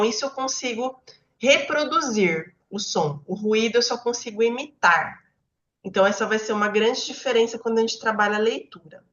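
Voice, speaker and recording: A woman's voice: medium pitch, a bit bright, roomy sound, highs cut off. A woman with a Brazilian Portuguese accent hosting a book club, explaining ideas in a conversational teaching style and often checking in with her listeners. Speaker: book club host and educator.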